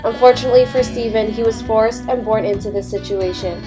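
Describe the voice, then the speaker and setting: A woman's voice: on the high side, steady tone, a little fast. A young woman reading a scripted documentary narration in an earnest, read-aloud way. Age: young adult. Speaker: student narrator. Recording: music bed under voice.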